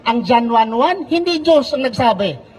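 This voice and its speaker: A man's voice: extremely high pitch, big pitch swings, moderate pace, darkish tone, rough recording. A Filipino man in a heated public debate, speaking into a handheld microphone, argumentative and telling the other side to relax and wait. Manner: argumentative, keeps repeating calls to relax and wait. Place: outdoor public gathering.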